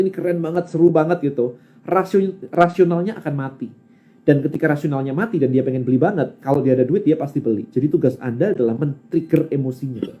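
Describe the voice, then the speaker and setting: Man, Indonesian accent, live-stream business coach, mellow voice, slightly high pitch, animated, rhetorical. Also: muffled recording. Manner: animated, rhetorical, mixes English words into speech.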